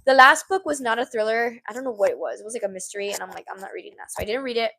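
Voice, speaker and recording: A woman's voice: on the high side, rapid-fire, sharp tone. A young woman in her twenties hosting a casual podcast-style livestream, rambling and giggly, saying "like" often into a small mini mic at home. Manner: bubbly, rambling, giggly, says "like" a lot. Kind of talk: casual chat with live comments. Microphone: small handheld mini mic.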